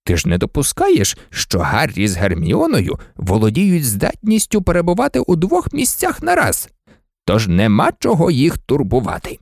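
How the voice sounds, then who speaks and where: A man voicing a calm, wise old male headmaster who speaks quietly and unruffled in an audiobook. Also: medium pitch, normal speed, creaky, dry recording, studio quality, heavily acted. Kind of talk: audiobook character voice.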